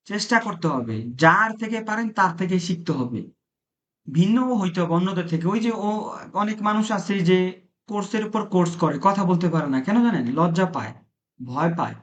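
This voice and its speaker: A man's voice: sits high, animated, normal speed, a bit bright. A man teaches a live-streamed classroom lesson. He keeps asking his students questions and then repeats the answers back to them. The recording is dull and lo-fi. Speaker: Italian language teacher.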